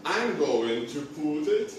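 Man, kids party magician, slow delivery, swooping pitch, question-and-answer patter, distant mic, noisy echoey room. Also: very animated. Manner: kids party magician, simple short phrases and call-and-response prompts. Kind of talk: kids' magic show patter, asking the children questions. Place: indoor kindergarten classroom with children seated around. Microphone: distant camera across the room.

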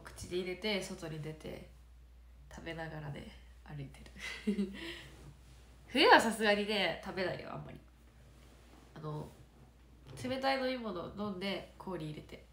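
A woman's voice: medium pitch, slight background noise. Stuffy-nosed woman, nasal and giggly, chatting on a livestream in an echoey room. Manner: chatty and giggly, drifting between soft murmurs and brighter bursts. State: stuffy nose. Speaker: idol trainee on a livestream. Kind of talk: casual livestream chat answering comments. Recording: roomy echo.

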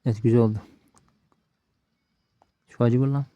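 A man's voice: medium pitch, steady tone, moderate pace, muffled recording. A man giving casual gameplay commentary, frustrated and talking to himself, cursing the game. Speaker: gaming streamer.

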